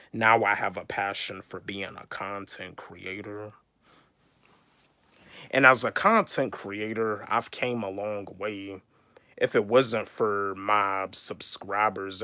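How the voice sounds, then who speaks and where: A man's voice: lowish voice, sharp tone, no room sound. A man in his twenties, a YouTuber and rapper, chatting casually on a livestream, repeating his points and answering viewers by name. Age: 20s. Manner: repetitive, restates each point, calls out viewers by name.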